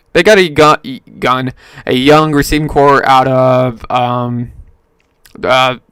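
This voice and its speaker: A man's voice: fairly high pitch, a bit bright, clean tone, no echo. A man hosting a casual solo podcast, rambling with many fillers and self-corrections. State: hiccups. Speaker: podcast host. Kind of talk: casual solo sports talk.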